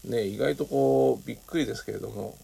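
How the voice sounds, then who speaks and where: An older man from Japan hosting a casual solo talk show, speaking with many fillers and a habit of tagging sentences with a soft particle. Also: mid-range voice, fast talker, creaky, breathy edge. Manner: frequent fillers and tag particle ne. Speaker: podcast host.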